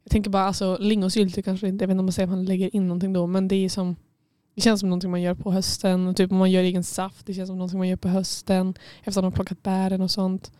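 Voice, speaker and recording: A woman co-host with a mellow, warm tone, recorded close and dry. She chats casually, curious and hedging, with lots of filler words. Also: medium pitch, completely flat delivery, hardly any pauses, smooth, no room sound. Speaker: podcast co-host. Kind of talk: casual chat. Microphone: studio mic.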